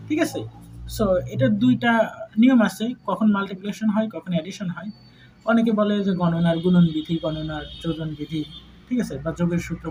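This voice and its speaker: A man with a Bangladeshi Bengali accent and a high, slightly mellow voice teaches students a math lesson in a chatty, conversational style. He blends in English terms and repeatedly asks whether the class is following. The low-quality recording carries a little hiss or hum.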